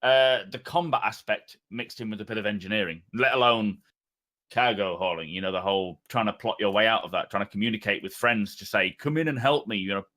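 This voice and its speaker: Casual male podcast co-host, loose and profane, quick to laugh. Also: on the low side, sharp tone. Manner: swears freely, laughs a lot. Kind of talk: casual gaming podcast chat.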